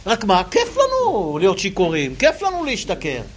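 A man giving an animated Torah lecture, asking rhetorical questions and acting out quoted voices for his listeners. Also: high-pitched, slight background noise. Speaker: religious teacher.

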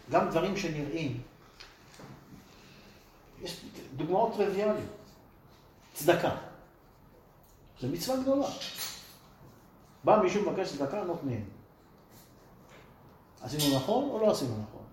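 A man's voice: on the high side, very animated, pauses often, darkish tone, a little hiss or hum. A man teaching a Torah class to a live audience, speaking emphatically and asking rhetorical questions. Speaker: religious teacher. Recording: echoey room.

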